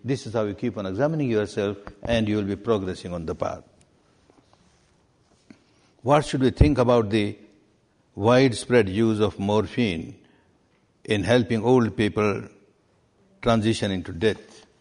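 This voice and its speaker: A man teaches meditation and answers questions at a steady, measured pace. He leans on repetition, going back over key words to drive them home. His voice carries the long reverb of a large hall. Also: on the low side. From Myanmar. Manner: deliberate, repeats key words for emphasis. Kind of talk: answering questions in a spiritual talk.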